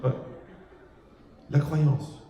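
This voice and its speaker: A man, a rabbi, giving a humorous religious talk to an audience, telling anecdotes and imitating the people in them. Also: very slow. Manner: animated storytelling, mimics people with raised pitch. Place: lecture hall with a live audience. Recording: echoey hall.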